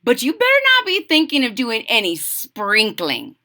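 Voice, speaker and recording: A woman voicing a firm but kindly mother cat in a storybook, speaking in a deliberate, cautionary way. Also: on the high side, wildly swooping pitch, pushed and bright, full character voice. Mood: firm, approving.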